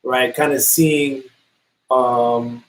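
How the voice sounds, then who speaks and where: A New York City man co-hosts a casual talk show podcast, often repeating and restarting phrases in conversation. His mid-range voice is flat, with drawn-out words, on a low-quality recording.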